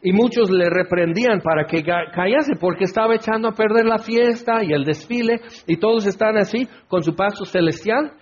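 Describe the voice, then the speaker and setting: Animated high-voiced male preacher. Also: normal speed, few pauses. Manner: animated, acts out crowds and voices. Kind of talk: sermon. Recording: dull lo-fi recording.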